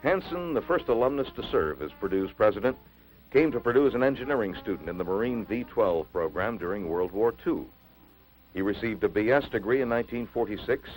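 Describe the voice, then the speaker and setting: A man reads an old newsreel narration in a low voice. He has a measured, announcing delivery, and his pitch rises and falls a lot. Faint music plays underneath. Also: low-quality recording.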